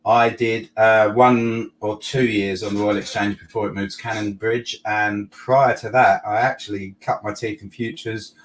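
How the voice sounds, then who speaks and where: A man's voice: on the low side, flat delivery, moderate pace, few pauses, poor audio. A middle-aged man with an Essex accent, chatting casually as an interview guest in a hesitant, matey way. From Essex, England. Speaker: guest, technical analyst. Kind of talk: casual reminiscing chat. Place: garden office shed. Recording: clear background noise, room ambience.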